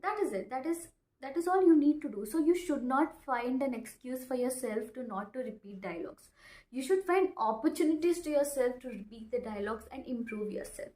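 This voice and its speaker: With a high, expressive voice that's brisk and darkish in tone, a woman in her twenties gives an informal English lesson to camera. A non-native speaker with an Indian accent, she's emphatic, repeats phrases and checks in often, and the small bare room echoes.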